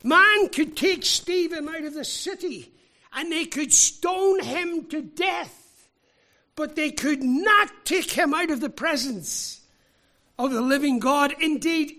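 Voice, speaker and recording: A man from Ireland, preaching a sermon with emphatic rhetorical questions and deliberate pauses. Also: very high-pitched, bright, forceful tone. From Northern Ireland.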